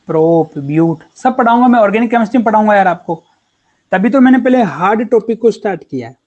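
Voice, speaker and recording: Male teacher with a high voice, talks casually and warmly coaxes students through a live class. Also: highs cut off. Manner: chatty and encouraging, calls students beta and yaar. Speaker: online chemistry teacher.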